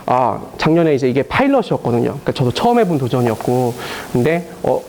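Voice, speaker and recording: A man who works as a teacher, telling lively stories to an audience with lots of fillers and laughter. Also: mid-range voice, slight background noise. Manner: animated storytelling with frequent fillers and laughs. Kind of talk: casual talk to a live audience.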